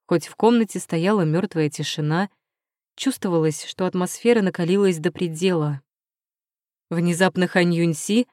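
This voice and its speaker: A woman narrating an audiobook in an even storytelling manner. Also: on the low side, dry recording, studio quality. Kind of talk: scripted narration.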